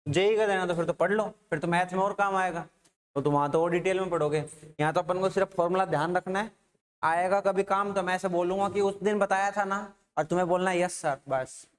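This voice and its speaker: A male maths teacher with a Rajasthani Hindi accent lectures a class in a high voice. He walks through formulas step by step. He keeps asking the students questions and then answering them himself. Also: steady tone, fast talker.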